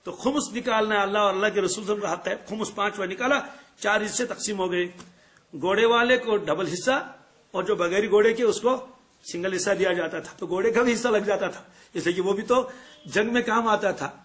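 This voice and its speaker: A man teaching a hadith lesson as a lively storyteller. He asks his listeners questions and answers them himself, and recites Arabic verses. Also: high voice. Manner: acts out quoted dialogue in changed voices. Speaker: Islamic scholar teaching hadith.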